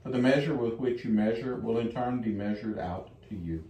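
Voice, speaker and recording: Older priest with an echoey, mellow voice. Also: male voice, mid-range voice, brisk. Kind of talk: liturgical gospel reading and homily. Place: small wood-panelled chapel. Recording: echoey room, distant mic, faint noise.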